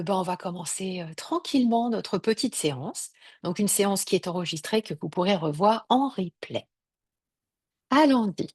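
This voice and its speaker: A woman coach guiding a yoga nidra relaxation session in a slow, soft, soothing voice with some hesitant fillers. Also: mid-range voice, no echo, clean studio sound. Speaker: sophrology coach.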